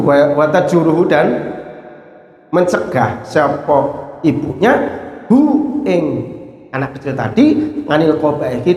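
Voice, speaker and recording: High-voiced Javanese-accented man preaching in an echoey hall. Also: darkish tone. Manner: reads Arabic text and glosses it word by word; acts out scolding parents in quick asides. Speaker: Islamic teacher. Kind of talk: sermon explaining a classical book.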